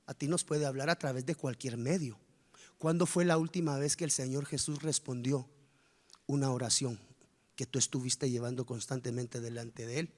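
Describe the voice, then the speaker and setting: A man preaching a sermon as pastor, animated and firing rhetorical questions at the congregation. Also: medium pitch, moderate pace. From Guatemala. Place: church. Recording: reverberant church hall.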